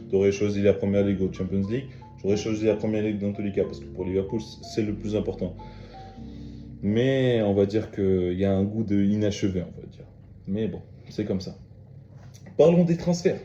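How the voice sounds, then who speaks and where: A man's voice: fairly low pitch, mellow. A young man casually talking through football matches and transfers as a video host, chatty and emphatic, with lots of fillers and restarts. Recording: dull lo-fi sound in an echoey room with faint music.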